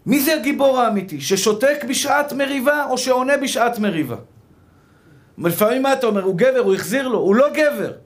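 High-voiced man preaching a sermon. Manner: emphatic, repeats rhetorical questions, calls listeners brother. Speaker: rabbi. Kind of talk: sermon to a live audience.

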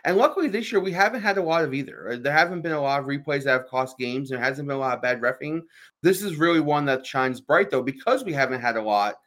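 A man's voice: medium pitch, lively intonation, fairly bright tone. A man co-hosting a sports talk show, making emphatic points and often asking "right?". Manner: fast, emphatic, fills with "right?".

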